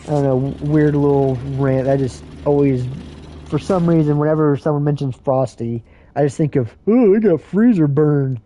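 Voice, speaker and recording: A man's voice: on the high side, steady tone, moderate pace, mellow, slight background noise. A man streaming a game, rambling and swearing through a casual rant. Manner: rambling, profane, ranting. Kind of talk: casual rambling commentary while playing.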